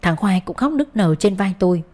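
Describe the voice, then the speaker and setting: A woman's voice: medium pitch, expressive, moderate pace, darkish tone. A woman narrating a first-person audio story in a wounded, bitter tone.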